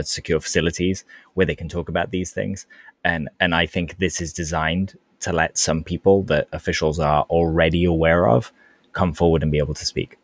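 A man with a very low voice co-hosts a casual podcast and explains things in plain terms, quick to laugh along. His sound is dry and close. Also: no room sound. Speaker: podcast co-host.

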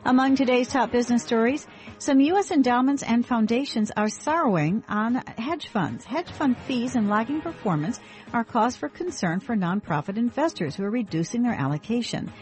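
A woman's voice: a little high, expressive, moderate pace, darkish tone. A woman anchoring a scripted radio business and market news update. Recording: music bed under speech. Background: music.

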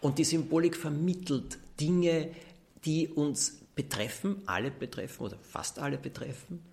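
A man's voice: on the high side, normal speed, creaky, darkish tone. A man from Austria, a children's book author being interviewed, explaining ideas thoughtfully. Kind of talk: interview answers.

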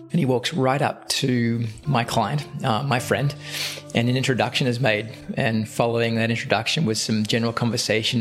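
Brief: male podcast host and golf coach, relaxed storyteller who pauses often, mid-range voice. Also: mid-range voice. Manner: reflective, unhurried, with frequent "uh" pauses. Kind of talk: casual storytelling.

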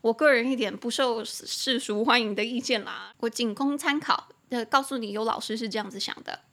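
A woman's voice: on the high side, a bit bright. Chatty woman teaching English in Taiwanese Mandarin. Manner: spells words out slowly letter by letter; chatty, opinionated asides. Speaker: English teacher and podcast host. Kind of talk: bilingual podcast lesson.

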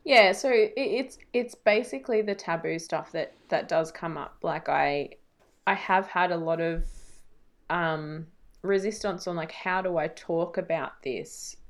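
A woman, a nutritionist guest, softly repeating tapping phrases and chatting with lots of fillers. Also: on the low side, a little slow.

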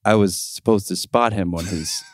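Low-voiced man in his thirties, teasing chat. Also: normal speed, dry recording, clean studio sound. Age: 30s. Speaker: podcast co-host. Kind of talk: casual chat.

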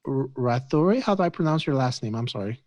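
Male podcast host, mid pitch, easygoing and chatty, dry close sound. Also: brisk, no room sound, highs cut off. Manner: relaxed, chatty with fillers. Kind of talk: casual interview conversation.

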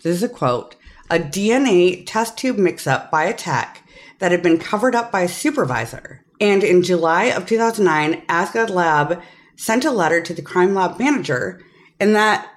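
A woman's voice: on the low side, expressive, moderate pace. A woman hosting a podcast, explaining a case in casual chat and swearing casually. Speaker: podcast host.

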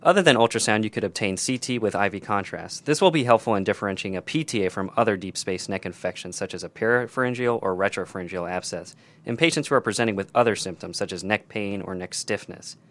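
A man's voice: on the low side, quick pace, a bit bright. A man co-hosting a scripted emergency medicine teaching podcast, explaining procedures in detail, step by step.

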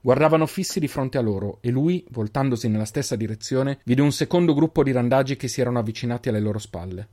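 A man narrating a fantasy story in a measured, even reading. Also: medium pitch. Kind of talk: audiobook narration.

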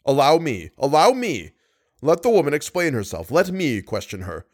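A man voicing a composed theatre manager who questions with quiet authority. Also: on the high side, huge pitch swings, moderate pace. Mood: authoritative. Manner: authoritative, gently probing.

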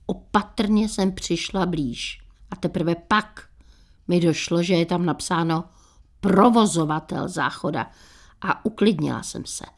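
An older woman in her sixties reads humorous anecdotes on air as a radio host. Her voice sits a little low, and she delivers each story in a dry, unhurried manner.

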